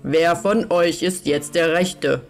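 A woman's voice: lowish voice, takes it slowly, soft background music. A woman voicing a stern, commanding robber chief who barks out wrathful orders in a storybook reading. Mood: grave.

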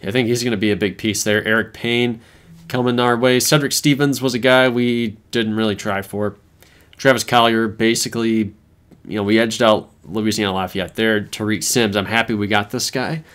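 A man's voice: on the low side, fairly even intonation, moderate pace, a bit bright. A man hosting a casual chat about a football video game, laid-back as he walks through results. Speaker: host. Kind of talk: casual gaming commentary.

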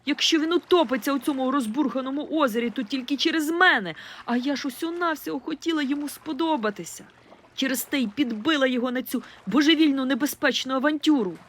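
A woman reading a first-person audiobook in an expressive, lively storytelling manner. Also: high-pitched, fast talker. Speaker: audiobook reader.

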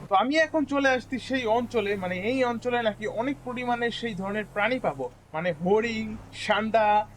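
A man talks his viewers through a hunting game in a casual, rambling way. His voice sits high, and he repeats words when something happens. A faint hum of ambience stays under his voice. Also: normal speed. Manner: chatty, addresses viewers as guys, repeats words excitedly. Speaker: gaming YouTuber. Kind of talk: casual gameplay commentary.

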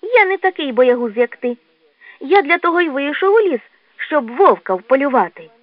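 A boastful young badger cub, played by a woman reader squeals in a high, swooping voice. He brags and frets at once, eager and excitable. The storybook recording is dry and phone-thin. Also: moderate pace, no echo, dull audio. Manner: shrill and excitable.

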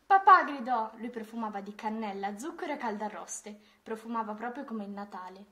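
Gentle woman reading a storybook. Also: medium pitch, fairly quick.

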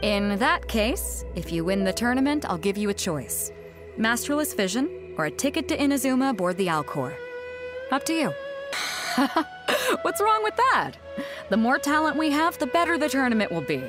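An actress voices a bold, confident female sea captain in a game cutscene, with music playing behind her; the captain organizes a fighting tournament and teases her companions. Her pitch swings widely at a moderate pace as she makes booming announcer calls to a crowd.

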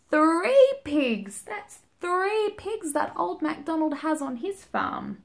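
Young woman for a children's storytime. High and sing-song, unhurried, gasps and invites the child to join in. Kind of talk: reading and singing a picture book to young children. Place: small indoor room, seated at home.

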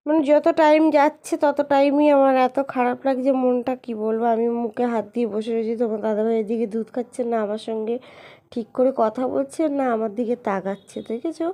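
A young woman with a cold, her voice hoarse and heavy, narrates her day to viewers in a casual vlog. She speaks softly and a little downcast, and her pitch sits high. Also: fairly even intonation, brisk. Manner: soft, subdued voice addressing viewers. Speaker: vlogger.

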